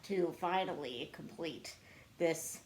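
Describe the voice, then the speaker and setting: A woman book vlogger with a deep voice chats casually to camera, taking her time as she answers book tag questions. Her manner is chatty and self-deprecating.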